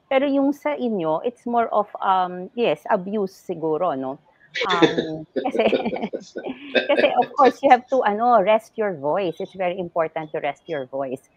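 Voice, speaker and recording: A woman's voice: on the low side, dull audio. A woman ENT doctor, a guest on a health talk show, explaining things patiently in a mix of English and Tagalog.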